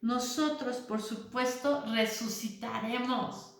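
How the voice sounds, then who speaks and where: A woman's voice: on the high side, steady tone. A woman reading the Bible aloud with sermon commentary, earnest and devotional, addressing the listener directly. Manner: earnest, warmly devotional, speaks slowly to the listener. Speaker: Bible teacher. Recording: very echoey room, faint music.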